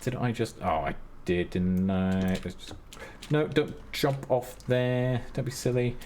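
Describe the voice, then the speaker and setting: A British man streams a building game, muttering casually to himself step by step and tossing in self-mocking asides as live commentary. His mid-range voice is unhurried and somewhat dark, with a little hiss or hum. His own background music plays behind him.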